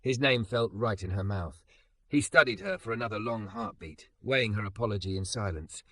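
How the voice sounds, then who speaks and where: A man narrating a story in a scripted, expressive reading. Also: on the low side, moderate pace.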